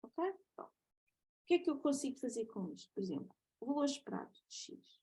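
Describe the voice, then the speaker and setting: A woman's voice: high-pitched, sing-song, normal speed, dark tone, low-quality recording. A woman with a European Portuguese accent giving a recorded math lecture, explaining step by step and checking in with "ok?" often.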